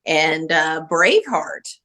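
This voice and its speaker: A woman hosting an interview podcast, setting up each question with measured background before asking. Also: low-pitched, lively intonation, sharp tone. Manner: measured, leading questions with context.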